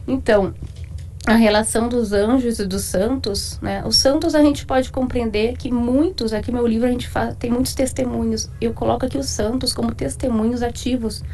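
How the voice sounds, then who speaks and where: A woman's voice: on the high side, steady tone, normal speed, warm tone, slight background noise. A woman from Porto Alegre with a southern Brazilian accent, a guest author explaining her faith in a radio studio interview, often adding tag questions. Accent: Brazilian Portuguese, Porto Alegre.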